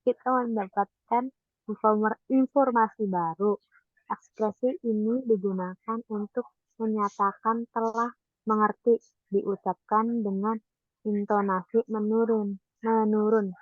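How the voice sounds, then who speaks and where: A woman's voice: mid-range voice, fairly even intonation, measured pace, dry recording, phone-quality sound. A woman student in an online class, reading aloud carefully and stumbling over some words.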